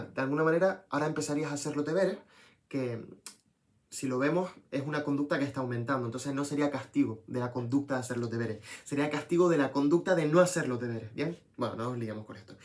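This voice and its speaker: A young man giving a casual psychology lesson, lively and checking in with the viewer often. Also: medium pitch. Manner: lively, talks to viewer with frequent "¿bien?". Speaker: psychology teacher.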